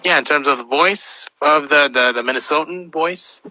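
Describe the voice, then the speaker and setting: A man's voice: a little high, normal speed, pushed and bright, dry recording, poor audio. A man, a guest voice actor, chatting casually on a podcast, rambling with lots of fillers.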